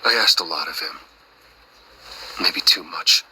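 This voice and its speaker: Bruce Wayne, very low, grave and bright-edged. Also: male voice, a little slow, husky, heavily acted, rough recording. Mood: gentle. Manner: restrained, grave, consoling. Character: grieving, resolute billionaire man with a secret life. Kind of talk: video game dramatic acting.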